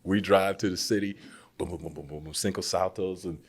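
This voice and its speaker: A man's voice: fairly quick, husky. An American man in his fifties, a former basketball player, telling stories as a guest in a casual interview, acting out the people he quotes. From United States. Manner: lively storyteller who acts out quoted people with big jumps in pitch. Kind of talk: casual storytelling chat.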